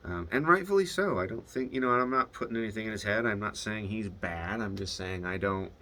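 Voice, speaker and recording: Guy with a low bright voice venting to his camera, lots of restarts, swears when it gets to him. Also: animated, a little fast, a little hiss or hum. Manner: hesitant, restarts often, swears when upset; retells phone calls, quoting both sides. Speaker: video diarist. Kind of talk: casual confessional monologue.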